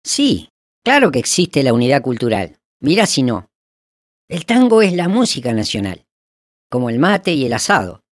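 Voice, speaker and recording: A woman's voice: extremely low pitch, big pitch swings, normal speed, dry recording, studio quality. A woman answering confidently and matter-of-factly.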